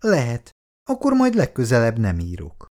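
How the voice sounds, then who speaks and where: A man reading an audiobook voices a young woman with a raised, lilting pitch and a teasing, slightly pouty way of talking. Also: huge pitch swings, dark tone, exaggerated voice. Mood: affectionate. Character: young woman, affectionate, easily piqued partner.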